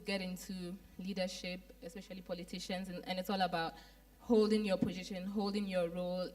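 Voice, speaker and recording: A young woman from Ghana shares her view on a student panel, measured and thoughtful. Her voice sits a little low for a woman. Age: young adult. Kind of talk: panel discussion.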